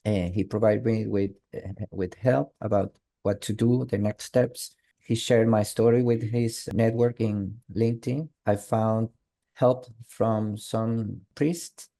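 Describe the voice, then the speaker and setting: A low-voiced man with a Venezuelan Spanish accent speaks over a video call. His tone is very dark, and he hesitates, repeating words and restarting his sentences. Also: fairly even intonation, gravelly. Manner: halting, with many restarts and fillers. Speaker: guest. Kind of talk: online interview.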